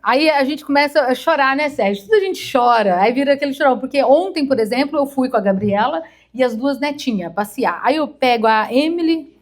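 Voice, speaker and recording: A brisk, expressive, high-sitting voice belongs to a woman in her fifties from Minas Gerais, Brazil. As a therapist preaching to a congregation, she gives an informal sermon in a Mineiro Brazilian Portuguese accent, chatting emotionally and dramatizing little stories with acted-out quotes.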